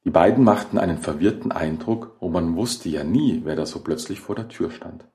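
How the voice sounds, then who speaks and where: A man narrating a horror short story in a measured, dramatic reading. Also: low-pitched, dark tone. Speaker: audiobook narrator.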